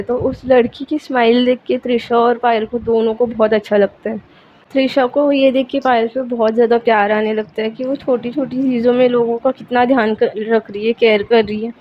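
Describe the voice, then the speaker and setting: A woman narrating a romance story in a casual, chatty way, linking events with "so then", on a dull, lo-fi recording with faint hiss. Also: on the high side.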